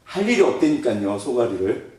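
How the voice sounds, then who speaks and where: A man's voice: medium pitch, big pitch swings, a little fast, darkish tone. A male pastor preaching a sermon, asking the congregation questions and acting out prayers and quotes. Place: church sanctuary. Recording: very echoey church hall, mic far off.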